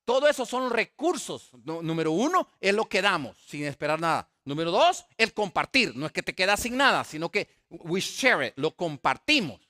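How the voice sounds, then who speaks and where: High, lively-voiced man preaching. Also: moderate pace, few pauses. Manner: animated preaching with rhetorical questions and acted dialogue. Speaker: pastor. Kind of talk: sermon.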